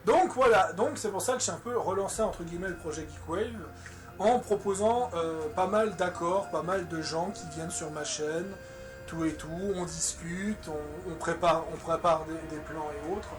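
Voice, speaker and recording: A man's voice: sits high, moderate pace. A man hosting a gaming stream, giving casual, rambling gameplay commentary. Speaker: video game streamer and channel host. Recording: voice over loud game music. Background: video game battle music.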